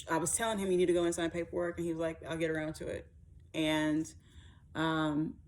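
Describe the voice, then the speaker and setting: A woman in her thirties candidly recounting a personal experience in a casual vlog, matter-of-fact and chatty, acting out others' lines. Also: fairly low pitch. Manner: candid, matter-of-fact, acts out quoted voices. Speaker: vlogger sharing her IVF journey. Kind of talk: casual personal storytelling to camera.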